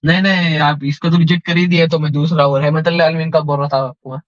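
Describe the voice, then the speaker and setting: A man's voice: on the high side, little pitch movement, fast talker, no room sound. Hesitant Indian male caller. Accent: Indian Hindi. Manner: hesitant, deferential, calls the host sir. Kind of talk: online debate call. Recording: dull, dry call audio.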